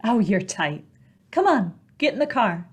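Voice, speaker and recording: A woman's voice: a little high, big pitch swings, unhurried, a little hiss or hum. A woman playing a playful, affectionate wife in a radio drama, with a teasing manner. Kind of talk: old-time radio drama acting.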